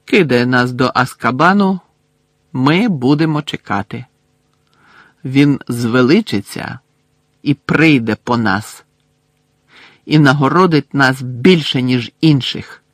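A man's voice: medium pitch, slow, long pauses, dry recording. A man doing a defiant, fanatical woman prisoner.

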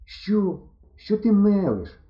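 Чоловік грає наляканого хлопчика, що кричить. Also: male voice, big pitch swings, fairly quick. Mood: alarmed. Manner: yelling, high and strained. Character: frightened, exasperated young village boy. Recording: roomy, dull recording.

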